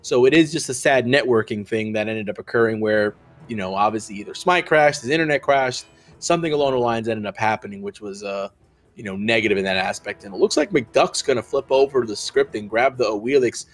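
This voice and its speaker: A man's voice: medium pitch, a little fast. A man casting a video game match, talking through picks with lots of fillers and restarts. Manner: rambling, filler-heavy analysis. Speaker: esports caster. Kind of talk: esports casting commentary.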